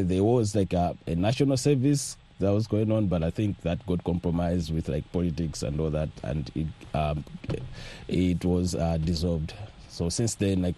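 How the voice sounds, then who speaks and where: In a radio studio, a guest from rural Malawi responds to interview questions casually, hesitating often and filling gaps with filler words. He has a deep voice with a dark tone.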